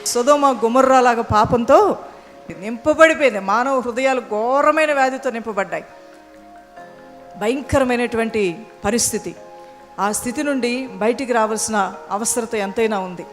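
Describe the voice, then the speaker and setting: Woman preacher, sermon, rhetorical questions, soft music underneath. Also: a little high, moderate pace, long pauses. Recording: long hall reverb, faint music.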